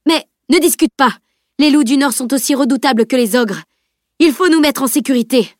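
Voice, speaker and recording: A woman's voice: a little high, normal speed, no room sound, clean studio sound, voice pushed up, natural voice. A woman voicing a tense commanding male warrior leader who barks urgent orders in a storybook reading.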